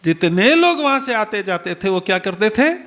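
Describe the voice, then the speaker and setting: A man with a notably high voice delivers a devotional sermon as a story. He acts out the exchanges between the characters in the tale and turns to his listeners with rhetorical questions. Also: normal speed. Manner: animated storyteller acting out dialogue, rhetorical questions to audience. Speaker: preacher.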